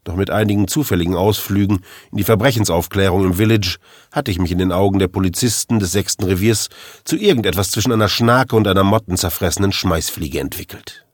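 A man's voice: low-pitched, fast talker, no room sound. A man narrating a first-person crime story as an audiobook in a dry, wry way.

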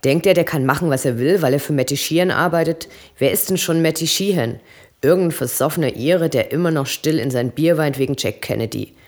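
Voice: mid-range voice, moderate pace, hardly any pauses, natural voice. A reader voicing a young man who rants in a bar and then backs down. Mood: ranting. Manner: defiant then pleading. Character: young scared male hothead.

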